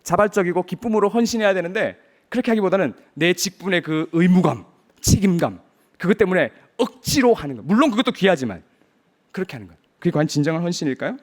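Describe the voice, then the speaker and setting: Male pastor, high-pitched voice, earnest sermon delivery with searching rhetorical questions. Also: big pitch swings, fast.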